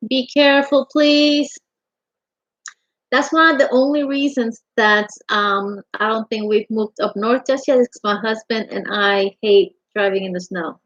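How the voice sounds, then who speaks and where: A woman's voice: a little high, level tone, unhurried, fairly bright tone. Chatty middle-aged woman, muffled livestream audio. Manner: chatty and affectionate, calls viewers honey. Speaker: livestream host. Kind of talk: casual livestream chat, greeting viewers. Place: home craft room, indoors.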